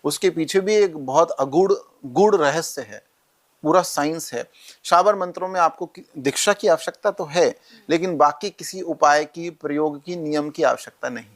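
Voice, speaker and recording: A man's voice: a little high, moderate pace. A male astrologer guest in a podcast interview, instructively listing remedies step by step.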